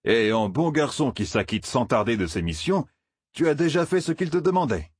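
A man's voice: medium pitch, sing-song, normal speed, slightly rough, no room sound, clean studio sound, voice pushed up. A man voicing a jovial middle-aged farmer father who teases the young men. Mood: teasing.

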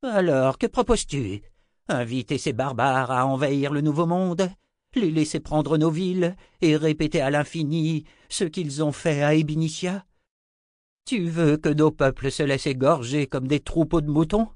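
A man voicing a fiery, stubborn old male wizard in a dry audiobook reading, his pitch pushed up and gruff. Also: moderate pace, no echo, close to an everyday voice. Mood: angry. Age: older.

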